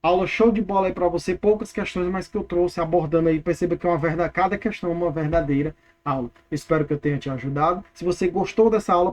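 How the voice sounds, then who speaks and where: A Brazilian man teaching an exam review lesson, energetic and playful, drilling words by repeating them. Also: high voice. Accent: Brazilian Portuguese.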